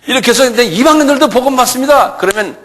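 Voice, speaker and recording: A male pastor preaching a sermon in a church, animated and full of rhetorical questions. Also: very high-pitched, very fast. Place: church sanctuary.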